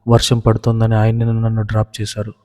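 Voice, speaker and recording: A man voicing a calm, determined young woman speaking quietly and steadily to her parents. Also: fairly low pitch, quick pace, long reverb tail, natural voice. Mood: firm.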